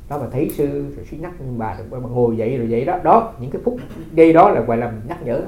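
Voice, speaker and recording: Fast-talking monk. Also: male voice, medium pitch, expressive, slight background noise. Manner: conversational storytelling with rhetorical questions. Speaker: Buddhist monk. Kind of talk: dharma talk. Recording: roomy, slightly dull recording.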